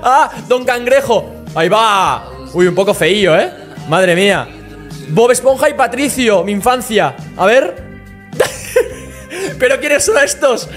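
A young man, reacting to pictures in an animated way, exclaiming and urging viewers to comment. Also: extremely high pitch, slow pace, pauses often. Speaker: short-video creator reacting to images. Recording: music playing faintly behind.

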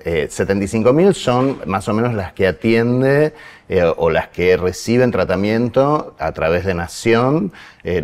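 A man with a Rioplatense Spanish accent speaks as an interview guest, his voice sitting very low. He lays out numbers earnestly, with plenty of fillers and self-corrections along the way. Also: a little mellow. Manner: explains with figures, frequent fillers and self-corrections. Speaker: guest, program director of a foundation.

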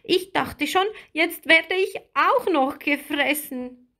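Woman doing a scared little mermaid girl, sobbing storybook voice, high and shaky. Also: slow pace, sharp tone, exaggerated voice. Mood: frightened. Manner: high, trembling and tearful.

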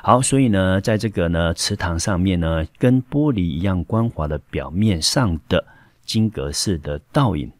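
A male high school English teacher with a Taiwanese Mandarin accent, explaining a textbook passage step by step with frequent fillers. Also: lively intonation, moderate pace, no echo.

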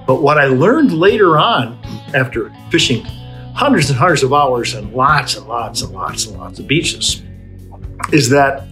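A man's voice: mid-range voice, a bit bright. A man in his sixties introducing a fishing segment to a webcam in a small room, conversational with restarts. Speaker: fishing show host. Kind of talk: casual to-camera introduction.

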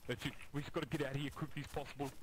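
A man in a game role-play acting as a professor, goofy and given to urgent shouting. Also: medium pitch, little pitch movement, racing, noisy background.

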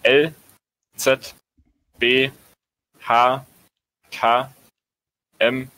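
Bright-voiced man calling out letters. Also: medium pitch, flat delivery, very slow, no room sound, rough recording. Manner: calls out numbers and letters in bursts, swears under stress. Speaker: let's play host. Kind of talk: casual gameplay chat.

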